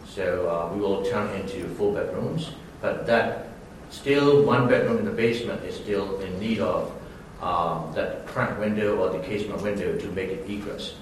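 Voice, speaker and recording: Guy, lowish voice, kinda hesitant, lots of ums, far from the mic in a really echoey room. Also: moderate pace, slight background noise. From Burma. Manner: hesitant, many fillers, non-native phrasing. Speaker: applicant at a township hearing. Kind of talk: formal testimony. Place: township meeting room.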